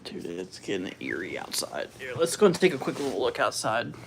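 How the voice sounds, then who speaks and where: Man, gravelly creaky voice, medium pitch, informal live weather commentary, halting, thinking aloud, livestream host. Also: very animated, noisy background. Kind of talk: casual live weather commentary, reading out figures and answering viewers.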